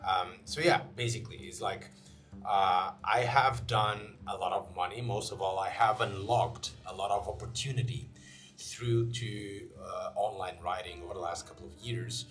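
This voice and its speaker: Talking to camera in accented English, this young channel host from Portugal has a fairly low voice at normal speed with a touch of brightness. His casual delivery is full of fillers and restarts, over faint background guitar.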